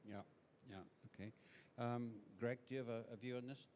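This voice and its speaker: A man's voice: medium pitch, steady tone, normal speed, a little mellow, slight background noise. A man moderating an industry panel discussion, introducing guests and posing questions with frequent fillers and self-corrections.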